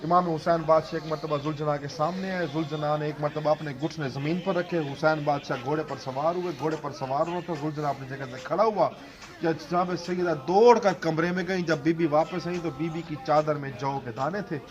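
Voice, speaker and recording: A man preaching a sermon of devotional storytelling and prayer, impassioned, with a chanting cadence in the prayers, at a gathering in a home. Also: fairly high pitch. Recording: dull lo-fi recording.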